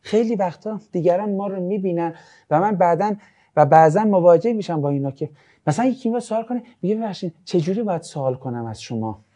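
A man teaching a religious ethics class, lecturing casually and acting out anecdotes with jokes. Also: sits high. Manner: lively, jokey, acts out anecdotes.

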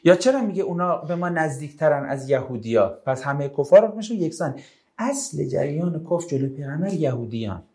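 A man's voice: fairly high pitch, animated, a little mellow. A man giving a religious lecture to an audience. He talks animatedly, fires off rhetorical questions and answers listeners' questions.

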